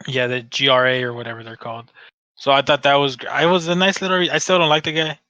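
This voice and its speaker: A man's voice: medium pitch, steady tone, fast, pushed and bright, no echo. A man co-hosting a casual fan podcast, talking in a rambling way with many restarts and frequent swearing. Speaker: podcast co-host. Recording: dull dry lo-fi sound.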